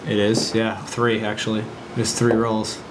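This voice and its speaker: A man's voice: fairly low pitch, completely flat delivery, unhurried, background noise. A man playing a tabletop game, asking rules questions and making wry, joking asides. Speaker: player. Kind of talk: casual tabletop play.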